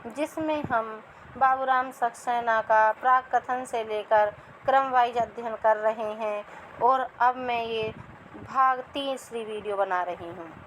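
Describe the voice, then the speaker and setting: A woman's voice: a little high, slow, fairly bright tone, a little hiss or hum, poor audio. A woman teaching Sanskrit grammar, reading aloud from a textbook, explaining as she goes, and spelling out sounds one at a time.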